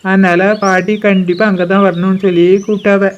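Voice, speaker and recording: A man voicing a calm, reassuring older brother in a cartoon. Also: high voice, a little fast, clean tone, highs cut off, lightly acted. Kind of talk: cartoon voice acting.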